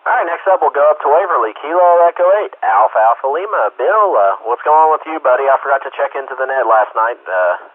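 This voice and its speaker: A man's voice: medium pitch, expressive, fast talker, few pauses, dry recording. American man hosting over narrow radio static. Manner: informal, calls people buddy. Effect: two-way radio transmission. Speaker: radio net control host. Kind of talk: casual radio net hosting. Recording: dry, very narrow-band radio audio.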